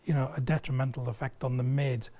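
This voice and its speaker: A warm-toned, medium-pitched man speaks quickly and levelly as a guest in a video studio. The loudspeaker company's sales director gives an enthusiastic, emphatic product explanation in conversation, full of everyday analogies.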